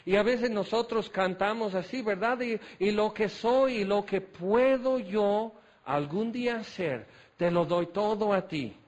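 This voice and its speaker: High-voiced preacher. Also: male voice, unhurried. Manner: rhetorical, repetitive questioning; folksy, self-deprecating humor. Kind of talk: sermon.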